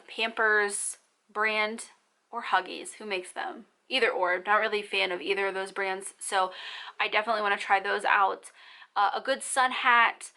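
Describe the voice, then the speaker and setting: A young woman chats through viewer questions in a casual vlog. Her voice is bright and forward, and she talks quickly with a friendly, encouraging manner. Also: medium pitch, creaky. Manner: fast, chatty and encouraging. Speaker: parenting vlogger.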